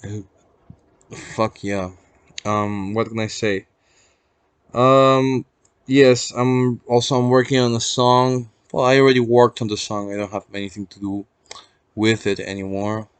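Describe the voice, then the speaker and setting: A young vlogger with a Peruvian accent and a fairly low, clear, resonant voice talks reflectively and loosely, hesitating as he searches for words and dropping in some casual swearing. His pitch moves very little, and the close, dry recording carries no echo.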